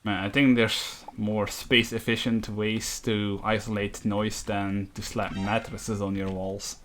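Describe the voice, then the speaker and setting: A man with a lowish, fairly bright voice talks slowly and in an even tone, chatting casually and wryly while livestreaming a game. He's in a room of a shared house, using push-to-talk voice chat, and the recording is clear apart from background noise and clicks.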